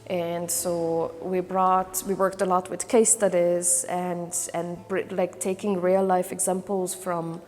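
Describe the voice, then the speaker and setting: This Hungarian volunteer trainer and career counselor has a lowish, darkish voice and a flat delivery, speaking slowly with few pauses. Recorded in a big-sounding room with faint music behind her, she describes her project for a testimonial interview, pausing to think and often restarting or filling gaps.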